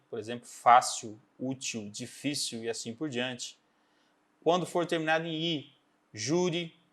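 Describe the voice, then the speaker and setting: A man teaching a recorded grammar lesson, explaining step by step and often checking in with a quick "tá?". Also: on the high side, a bit bright. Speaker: Portuguese teacher. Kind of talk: recorded exam-prep lesson.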